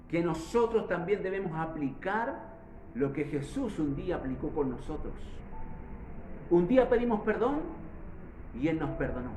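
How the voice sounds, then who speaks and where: A man's voice: high-pitched, a little mellow, echoey room, rough recording. A man from Chile preaching a sermon, retelling a parable with restarts and repeated words.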